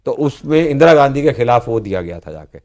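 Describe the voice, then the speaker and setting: A man's voice: medium pitch, big pitch swings, fairly quick, darkish tone. An older man, a senior politician, earnestly explaining past events in a studio discussion in speech. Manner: earnest, explanatory, frequently ends with "जी". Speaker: political guest, former student leader.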